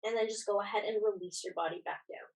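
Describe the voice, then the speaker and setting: A woman's voice: mid-range voice, fast, creaky, distant mic, rough recording. A woman giving casual, reassuring yoga class instruction, guiding and encouraging as she goes.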